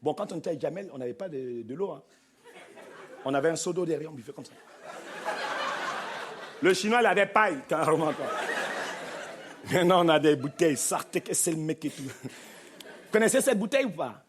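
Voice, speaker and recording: A male stand-up comedian performing an animated, playful set, bantering with the crowd and slipping into mock accents. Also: a little high, moderate pace, pauses often. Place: large theater stage before a live audience. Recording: live concert recording with crowd noise. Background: audience laughter and noise.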